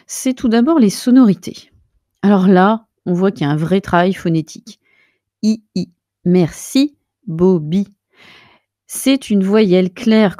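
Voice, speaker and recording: A woman's voice: lowish voice, warm tone, dry recording, studio quality. A woman giving a pompous mock-academic lecture, piling up lofty jargon and getting carried away. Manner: lecturing the viewer directly. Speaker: self-styled linguistics researcher. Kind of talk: mock-academic comic monologue.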